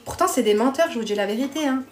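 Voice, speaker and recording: A woman's voice: fairly high pitch, lively intonation, rapid-fire. A woman hosting a live stream, chatting bluntly with viewers, reading their comments and giving dating advice while calling them pet names.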